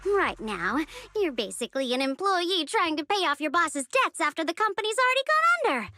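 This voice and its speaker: An actress voicing a cool, wry young woman in a video game who talks someone round with smooth, teasing persuasion. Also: very high voice, big pitch swings, brisk, pushed and bright, no echo, faint music behind, heavily acted. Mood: coolly persuasive.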